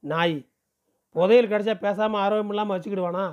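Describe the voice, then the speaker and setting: A man's voice: high-pitched, steady tone, moderate pace, muffled recording, close to an everyday voice. A man voicing a blunt, scolding village elder in a storybook reading. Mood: scornful.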